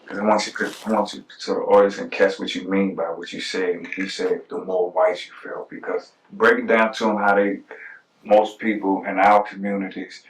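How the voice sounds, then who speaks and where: A man's voice: sits low, little pitch movement, normal speed. A man hosting a casual podcast, mostly giving short reactions and now and then steering the talk for the audience. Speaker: podcast host. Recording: roomy, distant, faint noise.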